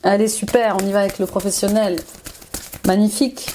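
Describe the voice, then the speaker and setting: A woman's voice: mid-range voice, steady tone, brisk, background noise. A woman life coach reading tarot cards for her viewers, encouraging and repeating affirmations, with frequent fillers and bursts of enthusiasm. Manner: enthusiastic, exclaims often.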